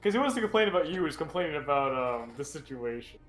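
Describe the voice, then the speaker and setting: A man's voice: a little high, very animated, fairly bright tone, faint music behind. A young man talking hesitantly with his game group, stopping and restarting as he explains. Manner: hesitant, apologetic, halting. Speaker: tabletop game player. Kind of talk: casual chat.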